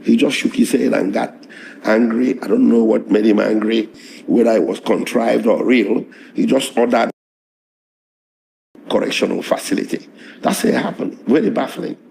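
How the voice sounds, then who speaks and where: A middle-aged lawyer with a hoarse, strained voice, recounting events in a measured, halting interview manner. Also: male voice, mid-range voice, steady tone, darkish tone. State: hoarse, voice strained after tear gas.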